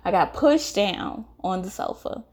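A young adult woman telling a painful personal story straight to her viewers, earnest and emotional, halting and restarting as she speaks. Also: mid-range voice, lively intonation, a little mellow. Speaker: vlogger. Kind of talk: personal testimony to camera.

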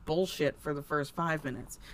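A woman co-hosting a casual book podcast, talking softly and rambling, often trailing off. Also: sits low, normal speed, slight background noise. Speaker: podcast co-host. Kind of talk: casual chat.

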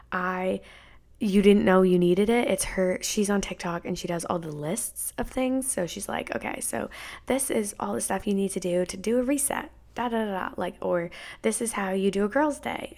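A woman's voice: lowish voice, darkish tone. A woman, hosting a casual solo podcast in a chatty, candid, rambling way, full of "like" fillers. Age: 20s. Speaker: podcast host.

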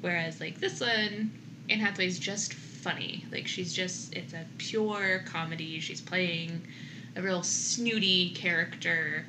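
A young woman co-hosts a podcast, chatting casually about a movie in a fairly low, steady voice at a slow pace. She's chatty, leans heavily on "like" and other fillers, and laughs often. Background noise can be heard.

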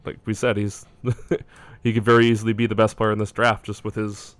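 A man's voice: on the low side, flat delivery, moderate pace, dry recording. A man talking casually as a basketball draft analyst, hedging and thinking aloud as he goes. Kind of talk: casual sports discussion.

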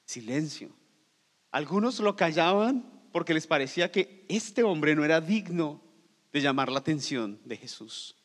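A man preaching a sermon as pastor, swinging from loud cries down to hushed near-whispers. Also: on the high side, lively intonation, measured pace, big-room sound.

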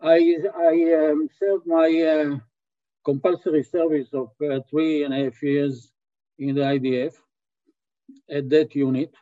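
A man in his eighties from Israel with an Israeli accent, answering interview questions slowly with many hesitations over a remote call. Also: on the high side, flat delivery, warm tone. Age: 80s. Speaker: guest. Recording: dull lo-fi call audio.

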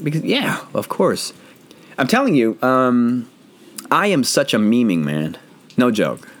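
A hoarse man hosting a casual podcast from home, joking and rambling in a self-deprecating way. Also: mid-range voice. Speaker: podcast host. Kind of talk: casual chat.

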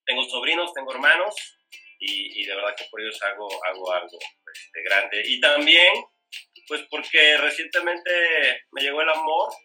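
A man's voice: mid-range voice, moderate pace, bright, forceful tone, soft background music, low-quality recording. A Mexican man co-hosting a casual chat over coffee, speaking earnestly and reflectively. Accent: Mexican Spanish. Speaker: co-host.

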